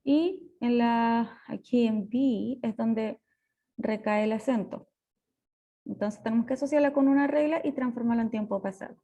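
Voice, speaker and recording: A woman English teacher with a Chilean Spanish accent, patiently explaining grammar rules step by step and slowing down on key points. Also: fairly high pitch, warm tone. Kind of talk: recorded lesson explanation.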